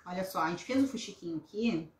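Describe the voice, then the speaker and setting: Craft host, woman in her thirties, animated intonation, casual live delivery, echoey room. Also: fairly low pitch, quick pace. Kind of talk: casual live craft demonstration with chat greetings. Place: small indoor craft room at a table. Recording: roomy echo, some background noise, clicks.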